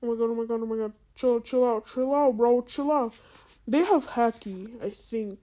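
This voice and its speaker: A gaming video host uses a voice changer that makes them sound female, delivering casual gameplay commentary that's exclamatory, incredulous, slangy and repetitive. The voice is mid-range and dark-toned at a moderate pace, with dull audio.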